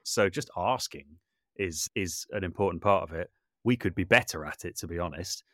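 This podcast guest, an audio drama maker and composer, has a low-pitched, fairly bright voice and talks at a moderate pace. The recording is clean studio sound with no echo, and as an interviewee he muses thoughtfully, frequently qualifying or revising what he says.

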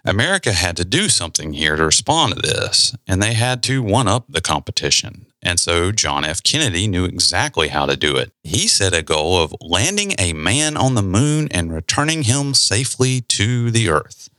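Deep-voiced man explaining things casually. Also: moderate pace, no room sound, clean studio sound. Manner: relaxed, conversational, explains with asides. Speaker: podcast host.

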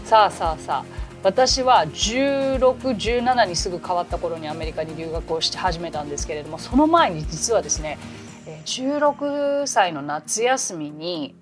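A woman who teaches English, talking in a chatty, animated way as she hosts a casual podcast lesson, with quick asides. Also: on the low side, faint music behind.

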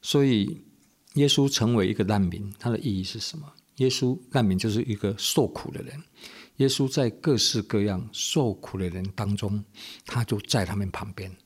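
Earnest low-voiced pastor on radio. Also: male voice, breathy edge. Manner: measured, earnest, repeats phrases for emphasis. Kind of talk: radio sermon.

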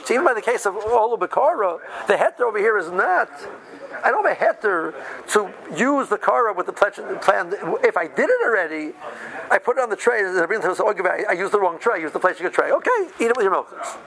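A man's voice: high voice, lively intonation, fast talker, a bit bright, poor audio. A man giving an informal religious lesson, talking through everyday examples and checking in with short questions. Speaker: religious law teacher.

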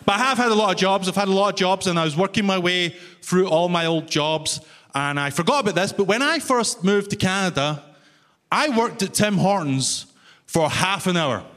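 This comedian's voice is high, expressive and a touch bright, moving at a normal speed. A Scottish man with a Glaswegian accent, he runs a wry, self-mocking set in a big hall, engaging the crowd amid laughter, with hall reverb and faint room noise in the recording.

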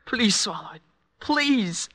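A woman's voice: on the high side, expressive, slow pace, a bit bright, no echo, heavily acted. A woman playing an anxious, pleading fellow prisoner in a radio drama. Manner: breathless, pleading.

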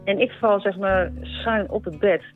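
A woman tells her own story in a reflective, halting manner, often pausing to find her words. Her voice comes through a thin, phone-like radio band with faint music underneath. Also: mid-range voice. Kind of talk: personal account. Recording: narrow radio-broadcast sound, faint music.

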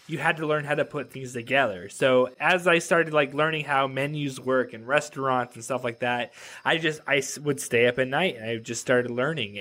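A man's voice: mid-range voice, fairly bright tone. A man in his thirties, a podcast guest talking loosely and casually, full of "like" and "right?" asides, over a video call. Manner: loose and chatty, heavy use of "like" and "right?". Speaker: podcast guest, web developer. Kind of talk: casual interview chat.

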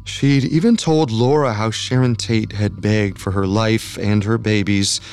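Male true crime narrator, low voice. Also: fairly even intonation, gravelly, darkish tone, clean tone. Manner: measured, dramatic. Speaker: podcast narrator.

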